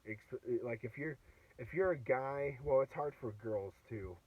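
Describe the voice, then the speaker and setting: A man's voice: mid-range voice, measured pace. A young man in his twenties talks into his phone from inside a car. His throat is still sore from a cold, and he rambles with plenty of fillers and restarts. The sound is dull and distant, as if the phone sits a little away from him. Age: 20s. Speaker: vlogger. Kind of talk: casual vlog monologue.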